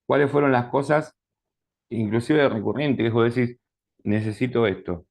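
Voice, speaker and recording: A man's voice: mid-range voice, moderate pace, gravelly, a little mellow. A man with an Argentine accent teaching a class in a conversational lecture, often checking that students follow. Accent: Rioplatense Spanish. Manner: conversational, asks the class frequent check questions.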